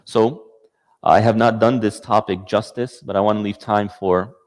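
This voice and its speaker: A man's voice: fairly low pitch, fairly even intonation, normal speed, a little mellow, in a large hall. A man giving a passionate talk to an audience, driving his points home with rhetorical questions, then taking their comments. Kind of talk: lecture with audience Q&A.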